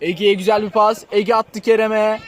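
High-pitched man calling a football match. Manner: rises to excited drawn-out calls on shots and goals. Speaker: play-by-play football commentator. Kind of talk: live match commentary.

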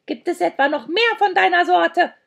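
A woman's voice: moderate pace, creaky, a bit bright, exaggerated voice. A woman voicing a rude, hard-of-hearing old female swamp hag who shrieks and snaps at children. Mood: shrieking. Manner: shrill, shrieking and snapping.

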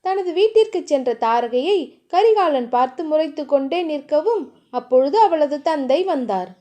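A woman narrating a family romance novel with steady, expressive storytelling. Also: high-pitched, moderate pace. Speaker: audiobook narrator.

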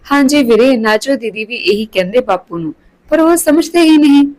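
A bright, raised voice for an earnest young village girl who chatters openly and pleads softly, as a woman narrator puts her on. The pitch sits high and the delivery is eager, a storybook figure read aloud. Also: expressive, moderate pace, rough recording.

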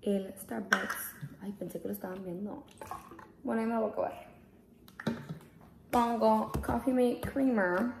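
Lady rambling through her day vlog, bit high voice, english words here and there, noisy phone audio w car sounds. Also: fairly even intonation, measured pace, vocal fry, long pauses. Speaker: vlogger. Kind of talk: casual day-in-the-life vlog.

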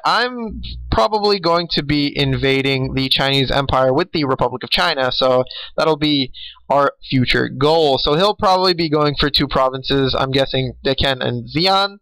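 A man's voice: a little high, sharp tone, dry recording, low-quality recording. A tired young man hosting a casual recap of an online strategy game, rambling with fillers and small laughs. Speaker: game host.

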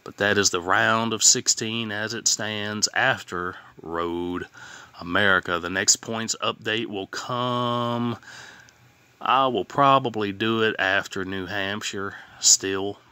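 A man's voice: fairly low pitch, slow pace, bright, forceful tone, clear, resonant tone, no echo. A man casually hosting a vlog for followers, informal and repetitive, speaking a little oddly with a sore, healing tongue. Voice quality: slightly impaired speech from a sore, healing tongue. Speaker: host of a fan contest channel. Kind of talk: casual vlog talk, reading standings and chatting to followers.

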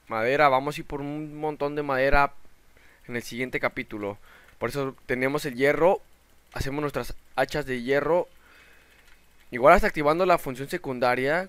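Young male gamer, excitable let's play commentary, smooth voice, dry close sound. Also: medium pitch, no echo. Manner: excitable, shouts in panic at sudden dangers. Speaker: gaming channel host.

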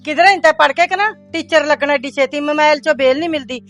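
A woman's voice: high-pitched, fast, a bit bright, soft background music. A middle-aged woman acting a strict mother who nags and scolds her daughter. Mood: scolding. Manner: scolding, nagging. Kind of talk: short film dialogue.

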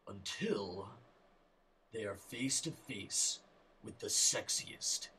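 A man's voice: lowish voice, lively intonation, takes it slowly, pushed and bright, distant mic, a little hiss or hum, rough recording. A man giving a mock-dramatic narration in a comedy sketch.

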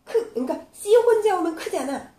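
A woman teaching English phonics to young children. She explains patiently and sounds letters out slowly. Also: very high voice, animated, dark tone. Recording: echoey room with faint noise.

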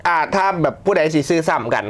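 A young man with an Isan accent, a film director guest chatting casually in an interview, relaxed, laughing easily and swearing now and then. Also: a little high, quick pace.

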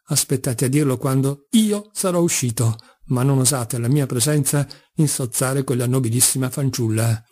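A man's voice: mid-range voice, normal speed, hardly any pauses, close to an everyday voice. A man voicing a furious proud young son. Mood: outraged. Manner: indignant, forceful, declaiming. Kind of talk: audiobook character reading.

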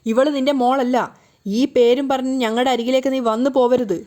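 A woman's voice: sits high, steady tone, fairly quick, mellow, lightly acted. A woman voicing a scolding angry mother. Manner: scolding, commanding. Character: angry middle-aged mother, sharp-tongued, protective.

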